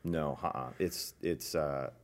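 Man, very low voice, casual church podcast host, playful quizmaster, reads quotes slowly. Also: fairly even intonation. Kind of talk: casual chat.

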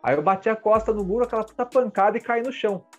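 A young Brazilian man telling amateur football stories in an animated, slangy way. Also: high-pitched, very fast, faint music behind. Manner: animated, slangy, lots of "mano". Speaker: podcast co-host. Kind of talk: casual storytelling.

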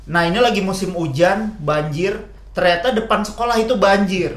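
Young man, animated storyteller with a high voice, recorded in a roomy space. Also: moderate pace. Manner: animated storyteller, laughs and swears often. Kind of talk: casual chat. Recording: roomy echo.

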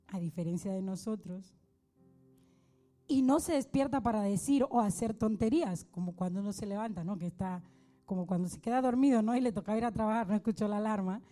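A woman's voice: mid-range voice, moderate pace, pauses often, mellow, soft background music. A woman preacher giving a sermon in a conversational way, asking rhetorical questions and building to fervent appeals.

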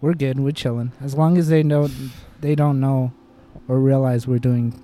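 A laid-back young man co-hosting a podcast. His voice has a mellow, warm tone at a middle pitch. He jokes easily and talks in an unhurried, relaxed way. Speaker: podcast co-host. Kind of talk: casual chat.

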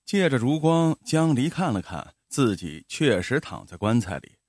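Expressive male storyteller, dry close sound. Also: medium pitch, normal speed, dry recording. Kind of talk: storybook narration.

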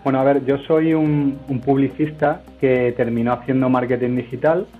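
A Spanish entrepreneur answers interview questions as a guest, rambling loosely and hesitating often. His medium-pitched voice holds a steady tone at a moderate pace, heard through narrow phone-line sound with soft background music.

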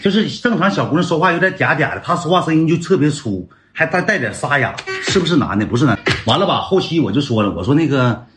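A man's voice: on the high side, big pitch swings, quick pace, hardly any pauses, over loud music. A man with a Northeastern Mandarin accent telling a comic personal story in a rambling way, repeating himself and calling his listeners brothers.

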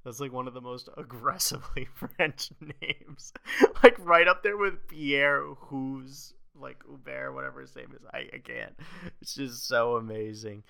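A young man co-hosting a podcast, chatting casually and excitably, with lots of "like" and frequent laughs. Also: medium pitch, unhurried, vocal fry, smooth, dry recording. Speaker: podcast co-host.

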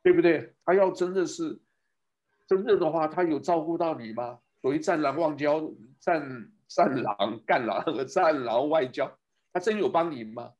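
A man's voice: on the high side, normal speed, a little mellow, highs cut off. A man giving a rambling casual commentary, speaking to his listeners and asking them one rhetorical question after another.

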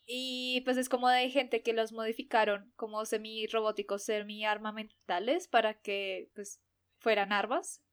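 A woman's voice: on the high side, flat delivery, unhurried, clean tone. A young woman, talking casually as co-host of an anime podcast. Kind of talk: casual chat about anime.

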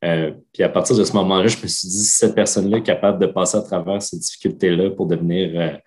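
A man's voice: sits low, steady tone, quick pace, darkish tone. A man with a Québécois French accent, an emergency operations director, giving interview answers and repeating words as he thinks.

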